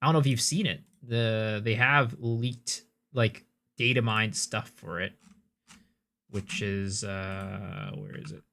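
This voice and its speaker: A man streaming live games and reacting to clips, animated and prone to stammering and repeating words when he gets excited. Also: fairly low pitch, slow pace, creaky, a little hiss or hum. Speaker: game streamer.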